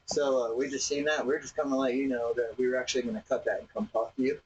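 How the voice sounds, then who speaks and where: Male tree worker, very quick delivery, conciliatory but defensive, doorbell camera audio with slight noise. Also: mid-range voice, steady tone. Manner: placating yet defensive. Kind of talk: defensive doorstep conversation. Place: outdoors at a house doorstep. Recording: muffled noisy doorbell camera speaker audio.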